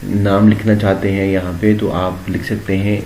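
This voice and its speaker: Low-voiced man teaching software, many pauses. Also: a little hiss or hum. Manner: steady explaining with frequent filler pauses. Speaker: computer teacher. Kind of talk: screen-recorded software tutorial.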